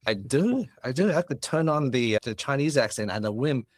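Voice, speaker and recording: Clean studio sound, free of room echo, captures a man in his forties from Hong Kong, a business founder, as he chats at length in a casual podcast interview. His medium-pitched voice is animated and quick, and his accent combines Australian, British and Cantonese influences.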